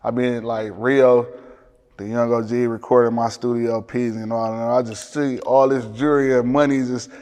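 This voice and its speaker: Male, Detroit accent, mid-range pitch, loose profane street slang, casual interview chat in a reverberant space. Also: little pitch movement, normal speed, a little mellow. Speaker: music producer, interview guest.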